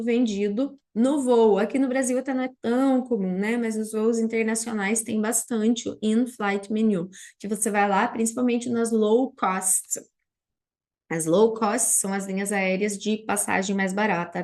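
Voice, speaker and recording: A young woman from Paraná with a Brazilian Portuguese accent, teaching English vocabulary and slowly repeating each word for her students. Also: a little high, a little mellow. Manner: drills English words slowly and repeats them for learners. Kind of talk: online vocabulary lesson.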